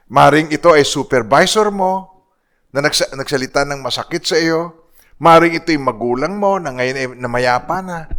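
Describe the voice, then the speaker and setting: A man preaching a sermon as pastor, swinging between hushed asides and loud emphatic rises, often checking in with the congregation with rhetorical questions. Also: a little high.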